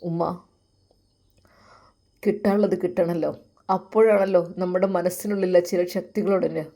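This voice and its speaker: A woman's voice: fairly low pitch, steady tone, moderate pace, gravelly, warm tone. A woman voicing a hurt, determined young man in a Malappuram Malayalam accent. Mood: earnest. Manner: earnest and resentful.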